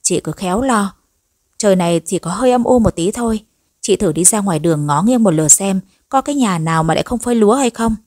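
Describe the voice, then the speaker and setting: A woman voicing a sharp-tongued, nagging old mother-in-law in a storybook reading. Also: medium pitch, lively intonation, quick pace, dry recording, clean studio sound, lightly acted. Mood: scornful. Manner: nagging, sarcastic scolding.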